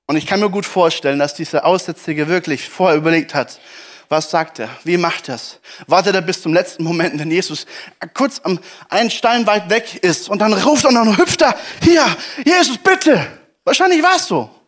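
A man preaching a sermon, telling a Bible story with animated delivery and acting out shouts and pleas from the characters. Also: high voice, normal speed.

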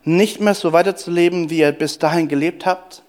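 A man's voice: on the high side, fairly even intonation, fairly quick, darkish tone. A man preaching a sermon as a pastor, emphatic and repeating phrases, his voice rising when he stresses a point.

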